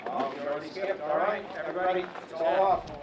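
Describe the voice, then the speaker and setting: A man announcing a live drag racing event outdoors, loud and teasing, hyping up the crowd. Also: a little high, fast talker, reverberant, recorded from a distance, very noisy.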